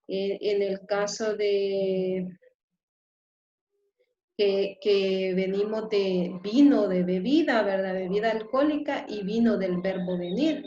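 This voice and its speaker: A woman teacher giving a slow, patient class lecture, often checking in with the students. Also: mid-range voice, a little mellow. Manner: slow and explanatory, with frequent rhetorical "¿verdad?". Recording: roomy, dull lo-fi sound.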